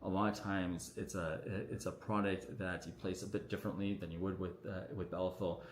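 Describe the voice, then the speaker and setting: A man, a doctor, answering viewer questions on a casual livestream in a relaxed, chatty way full of fillers, his voice echoing around the room. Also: deep voice, fairly quick. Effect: echoing room sound on the stream. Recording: echoey room audio on a livestream.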